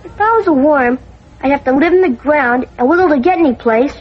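A man's voice: very high-pitched, brisk. A boy actor with an American accent playing a naive, curious, kindhearted young schoolboy son in a 1950s family sitcom. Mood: sympathetic. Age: child. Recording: dull, noisy old TV soundtrack.

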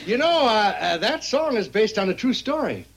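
An actor playing an earnest, oblivious middle-aged husband in a 1960s television comedy, speaking theatrically. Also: male voice, high-pitched, very animated, moderate pace, background noise. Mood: earnest, puzzled. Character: earnest, oblivious gentleman host, amateur folk singer. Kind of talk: 1960s television sitcom acting.

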